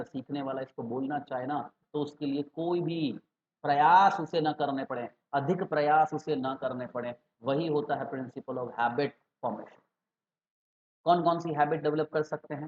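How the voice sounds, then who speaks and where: Teacher with a lilt. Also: male voice, fairly high pitch. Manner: mixes English and Hindi, slows for key terms; rhetorical questions to students. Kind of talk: exam-prep lecture. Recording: dull lo-fi sound.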